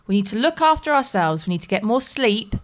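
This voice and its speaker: A woman, co-hosting a podcast in a studio, chatty and teasing and quick to laugh. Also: fairly high pitch, sing-song, slight background noise. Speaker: podcast co-host. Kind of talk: casual chat.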